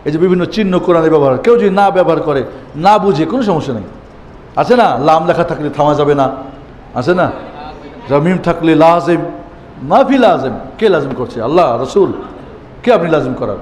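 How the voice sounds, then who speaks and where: A man teaching Quran reading to a class, asking pointed rhetorical questions and chanting letters and verses in drawn-out tones. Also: fairly high pitch, lively intonation, darkish tone. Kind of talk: classroom lesson. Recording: echoey room with long reverb, faint background noise.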